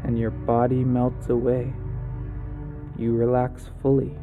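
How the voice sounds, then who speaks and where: Slow, soothing male meditation guide over guitar. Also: medium pitch, narrow, tinny audio. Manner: slow, calm, soothing delivery with long pauses. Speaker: guided relaxation host. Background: calming guitar music.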